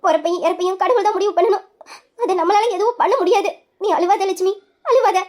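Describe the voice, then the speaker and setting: A high young voice playing a widowed sister-in-law who consoles a younger woman in a soothing, motherly way. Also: steady tone, quick pace, a little mellow. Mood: consoling.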